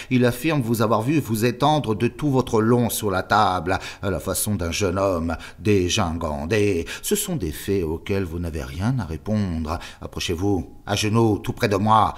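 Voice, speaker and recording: A man's voice: on the low side, voice pushed up, close to an everyday voice. A man voicing a fat, balding, leering older seminary superior who drags out his syllables with a sneer.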